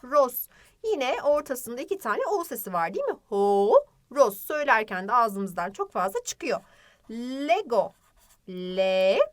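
A young woman teaching a children's phonics lesson, drawing out words and asking the class questions in a lively, sing-song way. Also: a little high, moderate pace. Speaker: primary school teacher.

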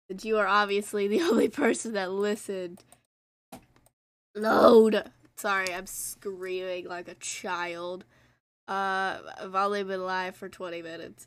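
Slow-talking young woman streamer. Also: medium pitch, fairly bright tone, smooth, no room sound. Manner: rambling, self-interrupting, hums and sings nonsense tunes. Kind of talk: casual live-stream chat over gameplay. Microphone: close desk mic.

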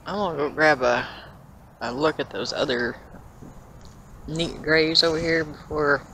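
A woman's voice: low voice, a little slow, pushed and bright. A woman giving casual, folksy running commentary outdoors as a paranormal vlogger, often asking questions aloud to unseen listeners. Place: outdoors in a cemetery. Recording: noisy outdoor handheld camera audio. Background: clear outdoor ambient noise.

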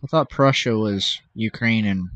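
A man's voice: lowish voice, unhurried, fairly bright tone, no echo, dull audio. Young man, gaming sidekick, teasing, cheers plays, dry close recording. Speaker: co-host friend. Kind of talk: casual gameplay chat.

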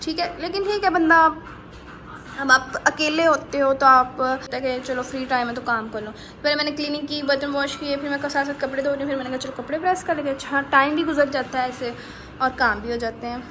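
A young woman with a high voice talks through her housework and cooking in a chatty home vlog. She calls out to viewers as guys as she goes. Her voice is captured on a handheld phone, with clear background noise from the kitchen and traffic outside. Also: steady tone, fairly quick, sharp tone. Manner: chatty, addresses viewers as guys, narrates chores step by step. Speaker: vlogger. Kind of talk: casual chatty vlog narration. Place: apartment kitchen and laundry area, indoors.

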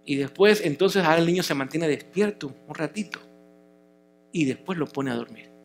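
High-voiced pastor preaching emphatically. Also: male voice, normal speed, slight background noise. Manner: emphatic, repeats key phrases, drops to soft low endings. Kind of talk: sermon at a family seminar. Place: church.

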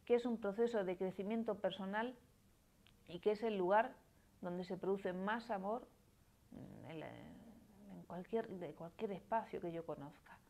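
A woman's voice: medium pitch, unhurried, warm tone. A woman in her forties from Málaga, with a southern Spanish accent, talking as a psychoanalyst in a live stream and answering viewers' comments in an explanatory way, often ending with a questioning "¿no?". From Spain. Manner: explanatory, tags phrases with questioning "¿no?".

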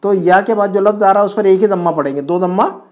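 A man's voice: high-pitched, fast, darkish tone. A man teaching an Arabic class from home, explaining each phrase patiently and quizzing his student.

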